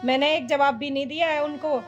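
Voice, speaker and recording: A woman's voice: sits high, steady tone, fairly quick, muffled recording, music in the background, natural voice. A woman playing a sulky aggrieved young bride. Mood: resentful. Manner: sulky, resentful. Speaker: young wife in a village drama. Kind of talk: Haryanvi film acting.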